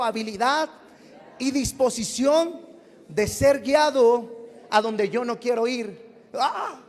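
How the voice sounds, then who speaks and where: A man preaching a sermon to his congregation in a call-and-response style, having them repeat phrases and acting out whiny church members. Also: very high-pitched. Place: church hall. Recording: long reverb of a church hall.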